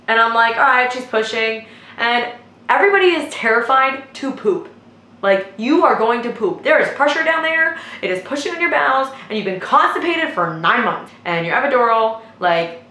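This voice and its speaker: A young woman, a nursing student, telling a story casually in a chatty, animated way with lots of filler words. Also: mid-range voice. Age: young adult. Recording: echoey room with faint noise.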